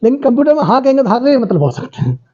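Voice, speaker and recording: A man with a high yet mellow voice teaches a university lecture, patiently walking through everyday examples and often checking that his listeners follow. The recording is dull and lo-fi. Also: sing-song, very fast. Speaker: professor lecturing.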